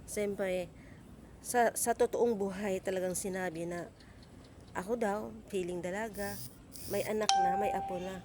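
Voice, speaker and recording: A woman's voice: mid-range voice, fairly even intonation, unhurried, pauses often, noisy background. A middle-aged woman vlogging in a casual rant, indignant and scolding, with lots of rhetorical questions. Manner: talkative, asks rhetorical questions.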